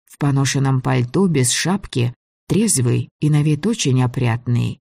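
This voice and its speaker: Audiobook reader telling a fantasy story in first person, even and measured, dry close mic. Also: mid-range voice, creaky, no echo.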